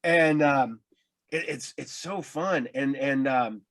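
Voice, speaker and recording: A man's voice: mid-range voice, slow. An American man chatting casually as an interviewer, telling anecdotes in a loose, rambling way. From Ohio, United States.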